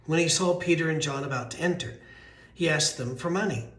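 Thin, weak-voiced American man preaching, higher-pitched. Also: brisk, a bit bright. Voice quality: thin, weakened voice. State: voice weak from allergies. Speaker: pastor. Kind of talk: conversational sermon with storytelling and scripture reading. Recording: roomy, echoing sound.

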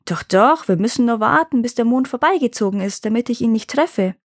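A woman's voice: on the high side, expressive, a little fast, dry recording. Cheeky boastful young peasant guy in a fairy tale, a woman reading him, dry close voice. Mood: sly. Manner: sly, boastful bluffing. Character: cunning young peasant man bluffing a dragon.

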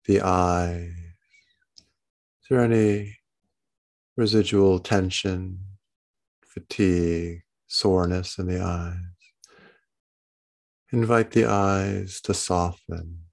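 A man with a low, creaky voice guides a meditation very unhurriedly. He speaks gently and soothingly, like a bedtime narrator, leaving long pauses between short phrases. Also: steady tone. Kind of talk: guided body-scan meditation, unscripted.

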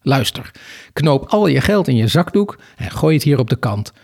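A man's voice: mid-range voice, big pitch swings, normal speed, creaky, a little mellow, slightly rough, exaggerated voice. A man voicing a coarse, mocking adventurer from a children's book, reading aloud in a slightly raised voice. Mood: bossy. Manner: teasing, coarse. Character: blunt, mocking tall male adventurer.

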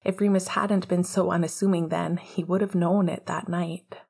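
A woman narrating a romance story in a soft, intimate way, often close to a whisper. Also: lowish voice, fairly even intonation, normal speed, creaky, slightly rough. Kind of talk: audiobook narration of fiction.

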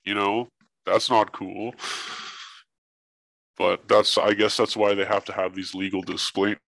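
A man's voice: on the low side, flat delivery, measured pace, vocal fry, a bit bright, no room sound. A man talking through a voice changer that disguises his voice, a guest investigator in casual interview chat, blunt and swearing freely.

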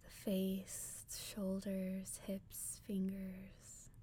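A woman leading a guided meditation like a sleep story narrator, in a soft, breathy near-whisper, soothing and gentle, with long pauses. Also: mid-range voice, completely flat delivery, a little hiss or hum.

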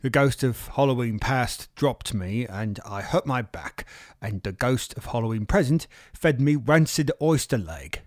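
A man's voice: medium pitch, expressive, measured pace, dry recording, studio quality, lightly acted. Man playing Scrooge, a stammering old miser. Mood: weary. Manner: stammering, theatrical and pleading. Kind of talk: comedic audio drama.

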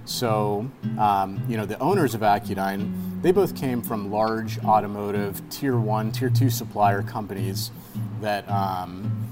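A man guesting on a podcast, telling stories in a relaxed, casual way with lots of "you know" fillers. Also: fairly low pitch, a little slow, loud music behind the voice.

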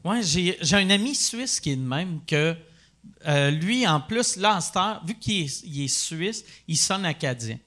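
Un homme à l'accent québécois qui pose beaucoup de questions sur un ton curieux et blagueur, dans une conversation de balado décontractée. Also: male voice, a little high, expressive, measured pace, sharp tone. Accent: Quebec French. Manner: curious, asks many questions, joking. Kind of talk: casual podcast conversation.

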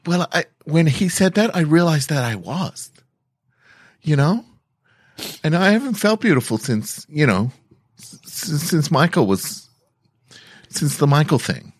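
A man improvising a blunt young woman who rambles indignantly and climbs high in pitch when she gets upset. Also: big pitch swings, a little slow, long pauses, husky, no echo, studio quality, exaggerated voice. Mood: tearful. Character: blunt young woman, brash then tearful.

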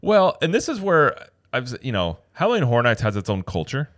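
A male podcast co-host chats casually, telling a long, wandering story and acting out what people said. His medium-pitched voice is sing-song and fairly quick, with a fairly bright tone and clean, echo-free studio sound.

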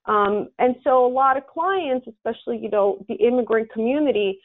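An American woman with a voice on the high side speaks at a moderate pace. Being interviewed as an estate planning and tax advisor, she explains things earnestly and uses examples. The audio has a thin, narrow phone-line quality.

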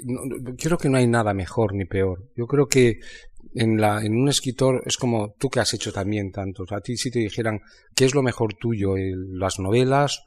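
A man from Spain talking about literature in a reflective conversation, thinking aloud with many pauses and restarts. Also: lowish voice, darkish tone. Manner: thoughtful, halting, many restarts and fillers. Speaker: writer in conversation.

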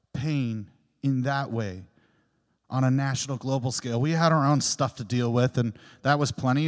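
Earnest preaching man with cathedral echo. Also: on the high side. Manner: reflective storytelling, personal and earnest. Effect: long cathedral echo. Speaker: homilist. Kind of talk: reflective sermon. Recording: long church reverb.

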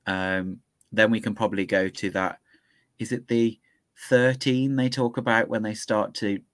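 Hesitant, thoughtful lower-voiced man. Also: dry recording. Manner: thoughtful, hesitant, many ums. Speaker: podcast co-host. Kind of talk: casual podcast discussion.

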